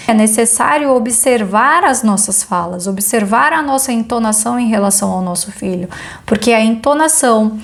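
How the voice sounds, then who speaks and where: A woman teaching a parenting course module, talking earnestly and asking the listener rhetorical questions. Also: fairly high pitch.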